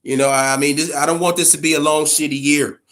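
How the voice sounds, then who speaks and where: A man with an American accent hosts a casual boxing chat show, sharing opinions in profane slang and repeating phrases for emphasis. His voice is on the high side, steady, brisk and a bit bright.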